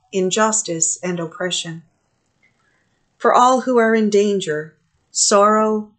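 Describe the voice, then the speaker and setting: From a small office, a middle-aged woman priest speaks into a desk-distance webcam as she leads a morning prayer service. Her medium-pitched reading of scripture and prayers is even and deliberate, broken by pauses between phrases.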